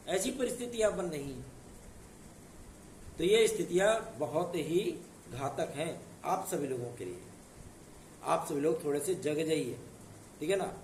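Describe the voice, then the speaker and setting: A hoarse man, his throat sore, hosts an exam news channel and gives a casual update straight to camera. His voice is high-pitched with a darkish tone and sounds roomy and distant, as he's off-mic in an echoey room with slight background noise. He comes across as earnest and reassuring, repeatedly using tag questions.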